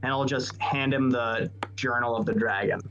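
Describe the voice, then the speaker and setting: A man's voice: mid-range voice, fairly even intonation, normal speed, fairly bright tone, soft background music. Man playing tabletop game, slightly dull mic. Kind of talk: casual game talk, describing character's actions.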